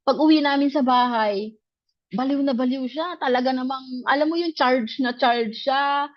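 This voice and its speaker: A woman's voice: high voice, moderate pace, dry recording, highs cut off. A woman telling a personal story in casual testimony, animatedly acting out the dialogue she recalls. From grew up in the provinces. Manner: animated, acts out quoted dialogue. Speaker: speaker sharing a personal testimony.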